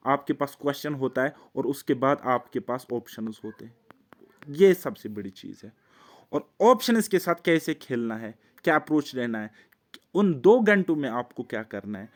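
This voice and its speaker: A man from Jammu and Kashmir coaching students for government exams in a relaxed, talky way, close to the mic. His pitch sits in an ordinary middle register. He leans on little check-ins and repeats his key points with earnest insistence. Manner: conversational, keeps checking with "ठीक है"; earnest, pleading repetition. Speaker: exam coach and channel host. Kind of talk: casual Hindi coaching talk to camera.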